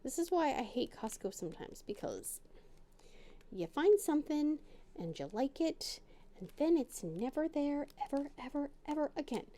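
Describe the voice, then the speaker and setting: With a high, mellow voice that swings widely in pitch, a middle-aged woman talks at a moderate pace while crafting at her dining room table. She hosts a crafting channel and rambles along chattily, making fun of herself.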